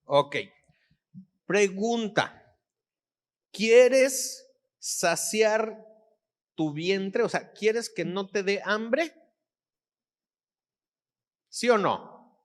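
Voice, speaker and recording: High-voiced, slow-paced pastor. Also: male voice. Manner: interactive, checks with audience after each phrase. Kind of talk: sermon.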